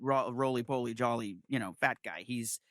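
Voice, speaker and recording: A man's voice: medium pitch, moderate pace, a bit bright, no room sound, studio quality. A man co-hosting a casual chat show, rambling with frequent restarts and chuckles. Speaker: co-host.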